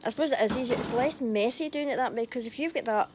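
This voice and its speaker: A woman's voice: a little high, fast, background noise. A Scottish woman presenting from behind the camera, cheerfully chatting and reading out viewer comments. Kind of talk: casual chat on a cooking livestream. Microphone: phone held by the speaker.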